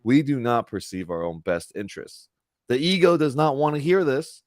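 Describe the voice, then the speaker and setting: A man's voice: medium pitch, very animated, moderate pace, darkish tone, no echo, clean studio sound. A man in his thirties hosting a casual spiritual talk over a video call, earnest and chatty and often correcting himself. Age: 30s. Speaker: spiritual group host.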